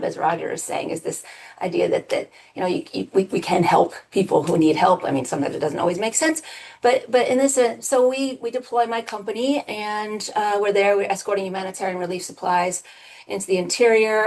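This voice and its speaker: A woman's voice: medium pitch, gravelly, a little mellow. A woman in her sixties, a retired army officer, telling a personal story on a video panel, earnest and full of ums. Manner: earnest, with many ums and restarts. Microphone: video call.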